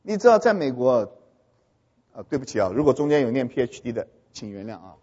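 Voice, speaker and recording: A man giving a humorous talk to an audience, animated and often stopping to ask whether his listeners have understood. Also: mid-range voice, fairly quick, breathy edge. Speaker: speaker addressing an audience. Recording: dull long-reverb hall recording.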